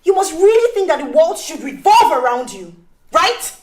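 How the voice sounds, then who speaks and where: An actress playing a driven, stern manager who speaks in a sharp, scolding way. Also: female voice, high voice, very animated, normal speed, dry recording. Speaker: company manager.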